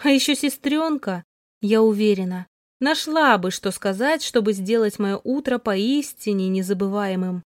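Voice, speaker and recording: A young woman reading a first-person story aloud in an even, introspective voice. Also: mid-range voice, moderate pace, dry recording, studio quality. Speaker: narrator. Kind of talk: first-person audiobook narration.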